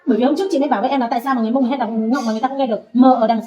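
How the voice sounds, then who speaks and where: A woman teaching Vietnamese, patiently saying sounds slowly for her student to repeat. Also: fairly high pitch, steady tone. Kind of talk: pronunciation drill lesson. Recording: dull lo-fi recording.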